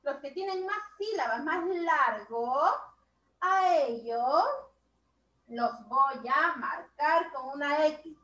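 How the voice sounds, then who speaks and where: High-voiced woman teacher, slow praise. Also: roomy sound, poor audio. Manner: slow, drawn-out words, warmly praising children. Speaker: primary school teacher. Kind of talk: online class instruction.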